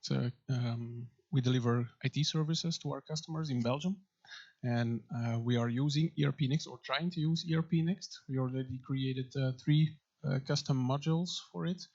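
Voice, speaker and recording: A man's voice: mid-range voice, moderate pace, gravelly, darkish tone. A man at a conference describing his company's work plainly, with frequent fillers. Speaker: IT services provider, attendee. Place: conference room. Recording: dull lo-fi livestream audio.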